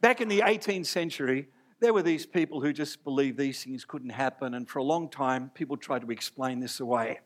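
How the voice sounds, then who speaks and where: A man's voice: mid-range voice, a little fast, lightly acted. A man doing an English professor. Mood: scholarly. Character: male English philosophy professor, measured and scholarly.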